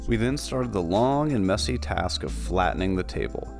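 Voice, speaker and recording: A man's voice: on the low side, animated, moderate pace, vocal fry, faint music behind. A man narrating a clip of his own project as a voice-over.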